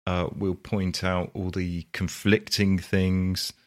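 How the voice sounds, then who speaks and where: A man with a very low voice muses aloud in a casual podcast chat. He speaks slowly and thoughtfully. He works through doubts by asking questions. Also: little pitch movement. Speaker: podcast co-host. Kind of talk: casual discussion.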